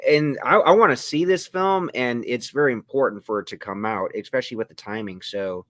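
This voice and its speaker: A man's voice: mid-range voice, fairly quick, no echo. A man hosting an interview, chatting casually and reading out viewer questions. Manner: reads viewer questions aloud. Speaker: interview host.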